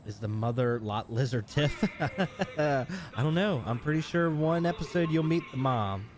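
Man, mid-pitched, casual, chatty, laughs often, live stream host. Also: a little slow, slight background noise. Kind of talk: live stream chat and roleplay commentary.

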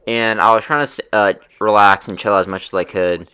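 A man's voice: lowish voice, fairly even intonation, normal speed, sharp tone, clear, resonant tone. A young man casually telling a personal story in a loose, rambling way, full of fillers and swearing.

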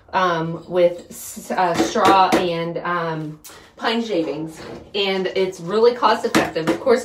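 A chatty middle-aged woman with a mid-range voice, a homestead vlogger, talks to her viewers in a folksy, rambling way while doing chores in a small wooden chicken coop. Her phone sits a few feet away, so the recording is roomy and distant with plenty of background noise.

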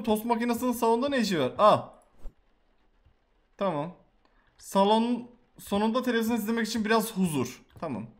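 A young man hosting a horror game video, reacting loudly with swearing and reading story text aloud. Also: high-pitched. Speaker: gameplay video host. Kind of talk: excited horror game commentary.

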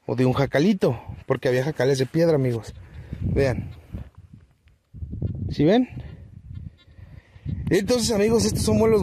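A man's voice: fairly high pitch, noisy background. A man, chatting to viewers outdoors as he hunts for old relics, often calling them his friends. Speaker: treasure hunting vlogger. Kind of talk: casual outdoor commentary. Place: outdoors in open countryside.

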